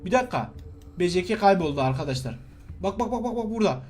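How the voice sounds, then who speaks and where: A young man giving excitable gameplay commentary, laughing and shouting in alarm as he talks to his viewers. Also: sits high, quick pace. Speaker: gaming YouTuber.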